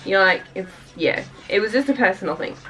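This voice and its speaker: A woman's voice: medium pitch, lively intonation, a little fast, a bit bright, distant mic, poor audio. A young woman from Australia gushing and chatting casually while unboxing albums for her vlog, full of fillers and sighs. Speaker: K-pop reaction vlogger.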